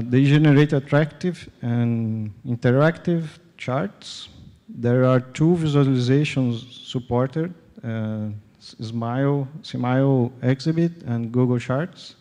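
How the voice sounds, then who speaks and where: Halting Brazilian man, slow and reverberant. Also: mid-range voice, mellow. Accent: Brazilian Portuguese. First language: Portuguese. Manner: halting, many fillers and restarts. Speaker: conference speaker. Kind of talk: tech conference talk with live demo. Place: large conference hall. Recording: long hall reverb.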